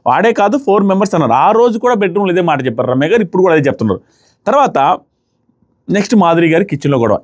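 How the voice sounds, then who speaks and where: A man giving a casual, opinionated review of a reality show, retelling the arguments quickly and acting out what others said. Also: on the high side. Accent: Telugu-speaking South Indian. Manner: fast, animated retelling, briefly mimics the people he quotes.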